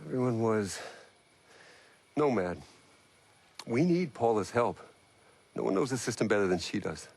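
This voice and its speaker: A gravelly game scientist. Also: male voice, on the low side, animated, measured pace, pauses often, a little mellow, heavily acted. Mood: calm. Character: brilliant male scientist ally, calm. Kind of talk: video game dialogue.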